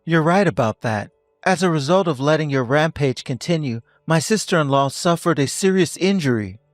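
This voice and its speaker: A man's voice: a little high, animated, moderate pace, dry recording, clean studio sound, faint music behind, close to an everyday voice. A man playing a cold, lecturing husband. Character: stern husband ending a toxic marriage.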